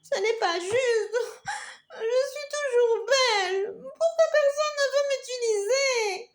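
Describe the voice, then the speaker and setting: A woman's voice: very high voice, extremely slow, full character voice. A woman voicing a vain, boastful little carrot girl in a children's story, pompous and exaggerated. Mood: vexed, whining.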